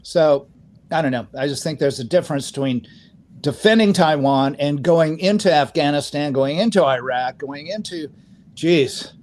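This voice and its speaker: A man co-hosting a political talk podcast, slightly high in pitch for a man. He rambles in an opinionated way and restarts his sentences often. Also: normal speed, a little mellow. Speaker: podcast co-host. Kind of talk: casual political discussion.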